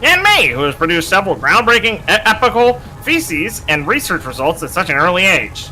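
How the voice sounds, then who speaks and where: A man's voice: high voice, very animated, fairly quick, pushed and bright, voice pushed up, exaggerated voice, low-quality recording. A man voicing a callous, arrogant male researcher in formal, haughty speech, reading a video game's dialogue aloud. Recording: faint game music behind.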